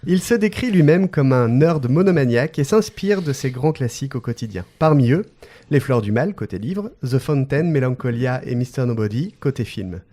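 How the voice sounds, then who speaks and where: A man's voice: mid-range voice, lively intonation, normal speed, warm tone. A man hosting a podcast, reading out a guest introduction with playful joking asides and frequent laughter. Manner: playful, often breaks into laughter. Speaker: podcast host.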